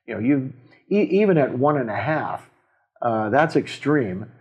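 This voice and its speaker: A man, a city mayor, explaining council decisions in casual talk, halting with many fillers and restarts, with a Canadian accent. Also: medium pitch, sing-song, a little mellow, slightly rough, low-quality recording. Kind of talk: casual civic discussion.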